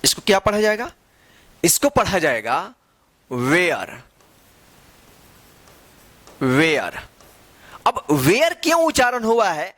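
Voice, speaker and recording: A man's voice: sits high, sing-song, measured pace, long pauses, a bit bright, no echo. A man teaching an English reading lesson, spelling out words letter by letter, asking the class how each word is read and answering himself with repeated readings. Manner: asks the class questions and answers them himself.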